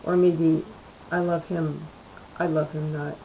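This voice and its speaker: A woman's voice: sits low, level tone, takes it slowly, mellow, slight background noise, poor audio. A woman reading the lines of a resentful, hurt wife in a short story, asking pointed, exasperated questions.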